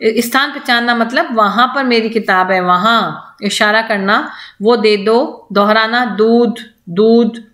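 A woman lecturer explaining a topic in a recorded lesson, going slowly, restarting words and imitating baby sounds as examples. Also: a little high, bright, forceful tone, echoey room. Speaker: college lecturer.

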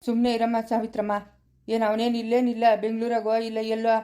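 A woman's voice: on the high side, monotone, fast, warm tone. A woman with a rural Chikkaballapur Kannada accent acting in a family skit, scolding and talking in village dialect.

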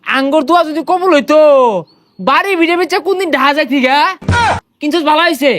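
A man's voice: very high voice, quick pace, noisy background. A man with a playing a bossy, teasing village elder in a comedy sketch. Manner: teasing, bossy, breaks into folk songs. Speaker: comic village elder character. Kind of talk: rustic comedy sketch in dialect.

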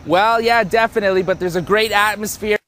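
A man's voice: high voice, steady tone, fairly quick, fairly bright tone, a little hiss or hum. A man in his thirties, a protest organizer, speaking passionately and fluently with some fillers in a live outdoor news interview.

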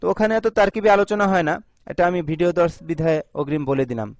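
A man gives a grammar lesson in a slightly higher voice, saying each phrase slowly, repeating it, then explaining. The sound is dry and close, with no room around it. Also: a little mellow, no room sound. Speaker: Arabic teacher.

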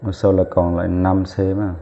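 A man's voice: deep voice, little pitch movement, a little fast, mellow, slight background noise. A man teaching chemistry, talking as he writes, counting aloud and correcting himself along the way. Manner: talks while writing, counts aloud, corrects himself mid-step. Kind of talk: lesson at a whiteboard. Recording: tinny phone-like audio.

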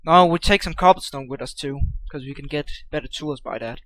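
A man's voice: a little high, fairly quick, no room sound. Chatty young man in gaming commentary. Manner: chatty, hesitant with fillers, bursts into excited shouts. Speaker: gameplay commentator.

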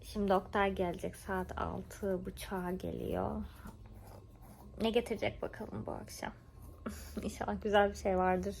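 A woman's voice: mid-range voice, little pitch movement, measured pace, vocal fry, a little mellow, slight background noise. A woman talking casually in a home vlog, chatty and rambling with informal asides. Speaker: vlogger. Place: at home, indoors.

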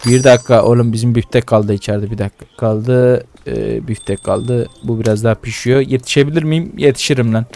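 A young man doing casual gaming commentary, excitable and swearing as he scolds the customers in a cooking game. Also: medium pitch, brisk, vocal fry, few pauses. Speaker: gaming YouTuber. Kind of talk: casual let's-play commentary.

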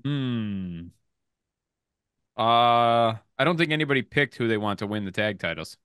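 A man's voice: medium pitch, expressive, measured pace, a bit bright, clear, resonant tone, no echo, clean studio sound. A man co-hosting a casual podcast chat, blunt and opinionated. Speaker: podcast co-host.

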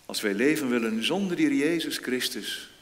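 A male pastor preaching a sermon in a church, slow and deliberate, with sudden emphatic rises in pitch and volume. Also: lively intonation. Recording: long church reverb, faint noise.

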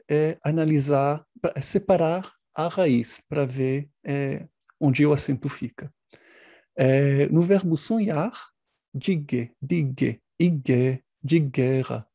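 Male researcher presenting at a conference, slow and gravelly, dry close sound, measured and explanatory. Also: a little high, mellow, dry recording. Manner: measured, explanatory, frequent hesitation fillers.

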